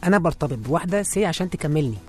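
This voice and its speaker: A man's voice: a little high, lively intonation, rapid-fire, darkish tone, faint music behind. A man with an Egyptian accent co-hosting a radio show, chatting in a joking, playful, bantering way. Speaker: radio co-host.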